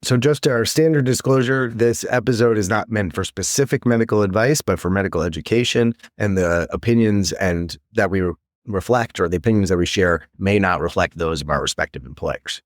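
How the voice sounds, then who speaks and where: A man's voice: fairly low pitch, a little fast, no room sound, clean studio sound. A man co-hosting a medical education podcast, greeting his co-hosts and reading the show's disclaimer. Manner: friendly, welcomes and introduces co-hosts. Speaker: podcast co-host, physician.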